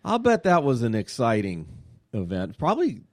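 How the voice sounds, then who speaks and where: A man hosting a radio show, chatting in a casual way, excitable and full of fillers. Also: medium pitch, normal speed, no echo, clean studio sound. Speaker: radio show host and money manager.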